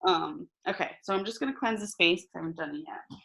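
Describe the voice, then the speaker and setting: A woman's voice: fairly low pitch, fast talker, gravelly, bright, forceful tone. A woman leading a guided meditation for a group, talking in an informal, instructional way. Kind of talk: casual chat with a group before a meditation; slow guided meditation from line 81.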